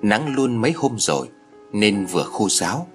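A male narrator reads a story in a measured, expressive manner. His voice is fairly low but moves widely in pitch. Soft music plays faintly beneath the reading. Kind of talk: scripted audiobook narration.

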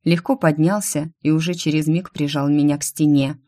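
A woman narrating a first-person audiobook in a soft, intimate, expressive reading voice. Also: low-pitched, normal speed.

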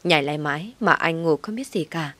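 A woman narrating a family drama story in expressive audiobook style. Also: low voice, brisk.

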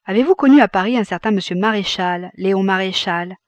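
A man's voice: high-pitched, fairly quick, no echo, natural voice. A woman voicing a grave male notary. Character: calm provincial male notary, businesslike. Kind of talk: audiobook reading.

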